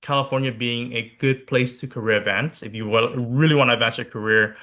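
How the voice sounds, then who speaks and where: A young man from Hawaii in his twenties, co-hosting a casual podcast chat. His voice is bright and forward. He talks candidly, jokes freely and repeats his points for emphasis. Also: medium pitch, steady tone, fairly quick. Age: 20s. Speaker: podcast co-host.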